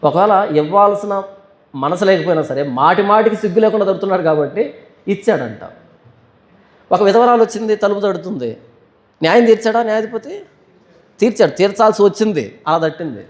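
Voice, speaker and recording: High-voiced pastor in an echoey hall. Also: male voice, animated. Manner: asks and answers his own questions, reads verses slowly. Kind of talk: Bible study teaching.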